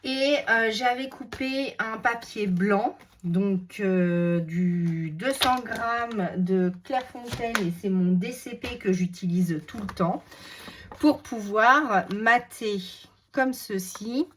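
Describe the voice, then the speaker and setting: A woman with a French regional accent demonstrating a craft technique step by step, chatty and unhurried, thinking aloud with many fillers. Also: medium pitch, fairly bright tone, slight background noise. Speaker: crafting tutorial host. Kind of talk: casual step-by-step crafting demo.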